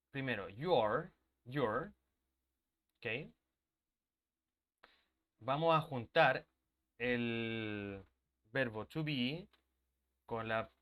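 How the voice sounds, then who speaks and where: A man's voice: medium pitch, a bit bright, clear, resonant tone. A man teaching an online English grammar class, explaining step by step and checking in often with his students, sometimes drifting away from the mic as he moves to the board.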